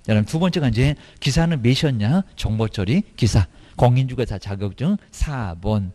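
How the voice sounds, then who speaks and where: Lively, chatty man lecturing. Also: mid-range voice, normal speed. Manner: chatty, rhetorical questions to students, colloquial asides. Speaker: exam prep lecturer. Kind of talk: recorded online lecture.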